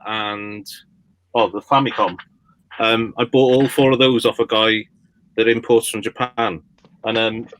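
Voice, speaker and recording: Mid-pitched man explaining casually. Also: fairly bright tone, rough recording. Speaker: livestream guest, retro game collector. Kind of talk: casual chat.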